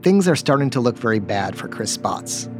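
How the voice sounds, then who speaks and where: A man hosting a podcast, narrating a true-crime investigation in a measured, insistent way. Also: mid-range voice, big pitch swings, music in the background.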